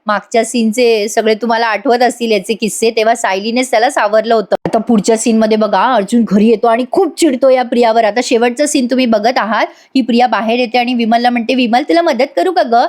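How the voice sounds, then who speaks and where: Woman, high voice, fast voice-over recap, talks straight to viewers. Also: fairly even intonation, a little mellow. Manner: fast storytelling, addresses the audience directly. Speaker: serial episode reviewer.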